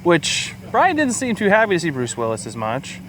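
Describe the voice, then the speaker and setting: With huge pitch swings, a moderate pace, and a slightly bright tone, a man co-hosts a podcast, tearing into a movie with crude, profane humor. Nearby highway traffic rumbles in the background, suggesting he's outside or in a car close to the road.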